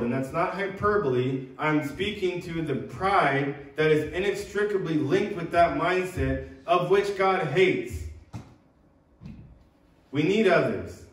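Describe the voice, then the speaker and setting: A high-voiced man delivers an earnest sermon to his congregation, often breaking off and restarting his sentences. He sounds some way from the microphone in a church sanctuary, and his voice rings around the room. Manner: earnest preaching with many restarts. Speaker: pastor. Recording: echoey church room from far off.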